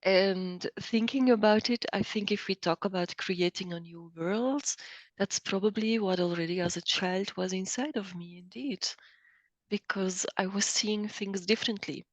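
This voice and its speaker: A middle-aged woman from Belgium, speaking as an interview guest, thoughtful and hesitant with many pauses and restarts. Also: mid-range voice, dry recording, muffled recording. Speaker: guest, coach. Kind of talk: interview conversation.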